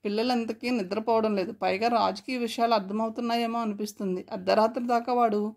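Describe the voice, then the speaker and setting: A woman voicing a gentle, weary young mother who pleads softly, in a read-aloud novel. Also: on the high side, steady tone, fast talker, lightly acted. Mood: pleading.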